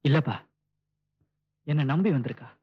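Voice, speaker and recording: An actor playing a young son who calmly defies his father and comforts the woman he loves. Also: a little high, moderate pace, husky, lo-fi sound. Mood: firm. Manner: quiet, firm, reassuring. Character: young man, devoted son in love, calm and firm.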